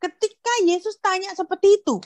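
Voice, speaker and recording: A young woman giving a casual online sermon to a youth group over a video call, telling the story in a lively way and acting out the dialogue. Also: very high voice, brisk, no room sound. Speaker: youth fellowship speaker.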